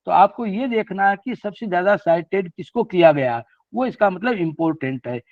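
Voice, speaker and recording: An older man gives an academic lecture in a higher register than most men. He reads out English points slowly, then explains them in Hindi. The sound is dry and thin, as if heard over a phone. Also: animated, no room sound, highs cut off. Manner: mixes Hindi with slow read-out English lines.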